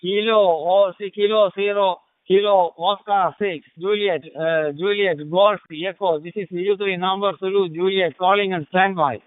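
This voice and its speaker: A man's voice: high voice, steady tone, moderate pace, hardly any pauses, no room sound. A man with a South Indian accent making courteous, formulaic ham radio contacts, repeating call signs over the radio. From Kerala, South India. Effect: radio transmission. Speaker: amateur radio operator. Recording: tinny, narrow-band ham radio link.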